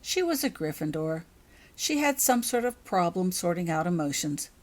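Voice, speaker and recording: A woman's voice: fairly low pitch, very animated, moderate pace. A woman reading the part of a dreamy, unconcerned female magic-school professor in a storybook, serene and detached.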